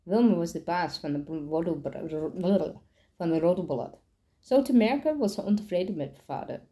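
A woman's voice: lowish voice, lively intonation, normal speed, warm tone. A woman reading a children's novel aloud, often tripping over words and restarting them. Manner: stumbling reading with frequent restarts.

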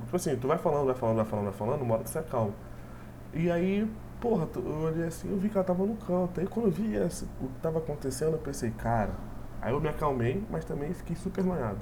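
A man's voice: a little high, dark tone, slight background noise. A man, telling a personal story in a casual, rambling way full of fillers. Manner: rambling, repetitive, full of "tipo assim" fillers.

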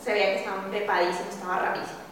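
Animated young woman in an echoey room. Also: mid-range voice, racing, a little hiss or hum. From Colombia. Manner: animated storytelling, swears casually. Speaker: podcast host. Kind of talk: casual round-table chat. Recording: echoey room, mic far off.

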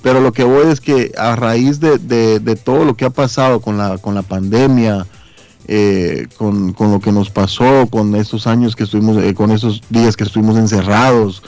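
A man co-hosting a radio talk show, speaking haltingly and repeating words. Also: lowish voice, fairly even intonation, a little mellow, dry recording, soft background music. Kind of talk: casual radio chat.

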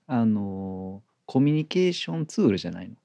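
A man's voice: on the low side, sing-song, a little fast, vocal fry, warm tone, no echo. A man with a Kansai accent that mixes Kyoto and Kobe speech, chatting casually as a co-host and often repeating short agreeing words. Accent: Kansai, mixing Kyoto and Kobe. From Kansai, Japan. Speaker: podcast co-host. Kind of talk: casual chat.

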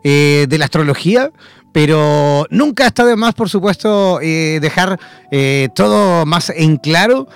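Male host with a high, gravelly voice, enthusiastic and formal, dry close sound. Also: animated, a little slow, dry recording. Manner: enthusiastic, formal emcee introductions. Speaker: talk show host. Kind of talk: online talk show interview.

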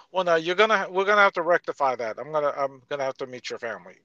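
A man's voice: fairly high pitch, animated, quick pace, sharp tone, lo-fi sound. A man hosting an interview podcast in a folksy way, addressing his listeners directly. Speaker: podcast host. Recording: reverberant interview sound.

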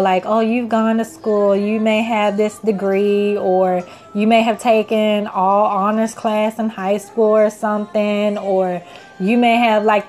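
A woman in her twenties hosts a casual self-help podcast, speaking earnestly and encouragingly in a rambling style peppered with "you know" and "like." Her voice is medium-pitched.

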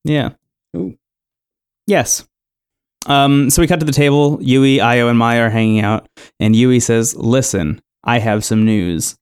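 A man talks through a reality show episode at an easy, unhurried pace, his voice sitting at an ordinary middle pitch. He rambles a little, leaning on "like" and "um" as he retells each scene. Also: smooth. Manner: relaxed storytelling, many "like" and "um" fillers. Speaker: podcast co-host recapping a reality show. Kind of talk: casual chat.

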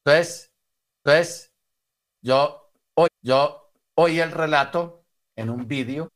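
A man's voice: a little high, takes it slowly. A man telling a story as a preacher, repeating each phrase with sudden emphatic bursts. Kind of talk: storytelling sermon.

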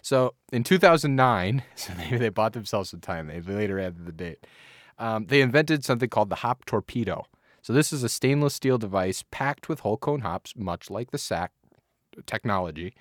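A man with a somewhat low voice chats casually as a podcast co-host, joking and rambling as he reads out facts. The recording is dry and close, with no room sound. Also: expressive, normal speed, no echo. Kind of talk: casual chat.

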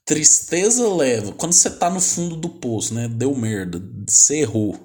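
A young man with a Brazilian accent casually retelling a film's plot, chatty and slangy, tagging nearly every phrase with a quick question. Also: medium pitch, animated, darkish tone. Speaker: film recapper.

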